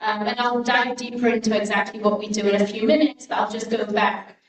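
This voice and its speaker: Woman in her twenties, flat delivery. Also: fairly high pitch, a little fast. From United Kingdom. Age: 20s. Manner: relaxed, frequent "um" fillers. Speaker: guest speaker. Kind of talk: personal talk to a congregation. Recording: echoey room, mic at a distance.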